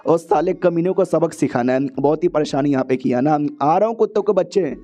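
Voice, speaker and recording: A man's voice: a little high, a little fast, dark tone, close to an everyday voice. A man voicing a cocky, ruthless young male hero who swears freely, in a storybook-style recap. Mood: menacing.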